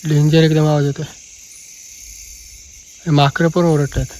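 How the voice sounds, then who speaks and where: Camping at night in a forest by a river, a man with a Marathi Konkan accent chats casually to his vlog viewers, repeating phrases and often speaking low. His tone is level and darkish, and he takes his time.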